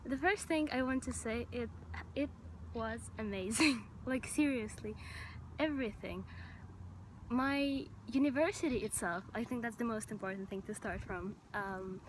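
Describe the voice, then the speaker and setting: Chatty young woman, bright higher voice. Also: slight background noise, rough recording. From Estonia. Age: young adult. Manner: chatty and enthusiastic, with many fillers. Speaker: vlogger. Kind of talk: casual chat to camera. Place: outdoors on grass, sitting on a stone.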